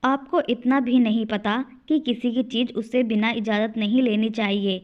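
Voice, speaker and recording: A woman's voice: on the high side, fairly even intonation, moderate pace, lo-fi sound, natural voice. A woman voicing a cruel young daughter-in-law who scolds and sneers at her elderly in-laws. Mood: scolding. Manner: scolding, contemptuous.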